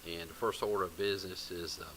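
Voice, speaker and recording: A man's voice: sits low, fairly even intonation, fast talker, bright, forceful tone. A man with a Southern US accent chairing a county commission meeting in an informal procedural way. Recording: very noisy meeting room microphone.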